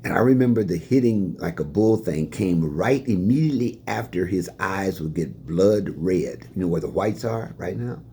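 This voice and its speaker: A man's voice: low voice, normal speed, hardly any pauses, slight background noise. An older man from Indiana telling stories from his life, chuckling as he answers questions. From Fort Wayne, Indiana, USA. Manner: animated, chuckling anecdotal storytelling. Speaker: retiring staff member sharing life lessons.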